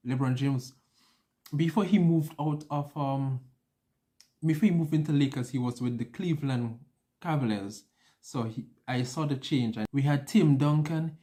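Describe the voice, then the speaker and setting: A young adult man from an island talks casually to his audience as a vlogger, telling personal stories to camera and acting out what people said. His voice is mid-range with a dark tone.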